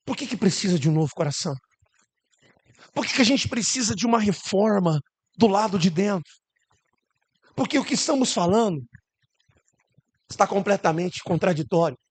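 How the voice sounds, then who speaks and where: A man's voice: high-pitched, lively intonation, moderate pace, pauses often, husky. A man with a Brazilian accent preaching a sermon to his congregation, asking rhetorical questions and acting out the voices he quotes.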